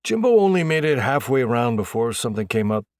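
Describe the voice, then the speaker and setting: A man playing an easygoing young hockey player who talks in a relaxed, wry way. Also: medium pitch, quick pace, no echo, studio quality, voice pushed up.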